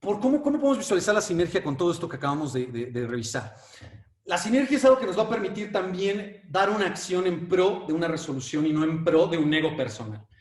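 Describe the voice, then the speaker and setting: Recorded from a distance in an echoey room, a man with a Mexican accent delivers an animated conference talk that includes a fable. His voice is fairly high, and he often repeats words and fills his pauses.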